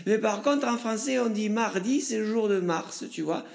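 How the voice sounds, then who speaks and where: A man putting on a deliberately silly voice as a know-it-all comic character explaining the days of the week. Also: sits high, vocal fry, pitched above the performer's own voice. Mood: goofy lecturing. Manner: silly voice, loud bright explaining. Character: goofy know-it-all male superhero character. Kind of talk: comic sketch monologue.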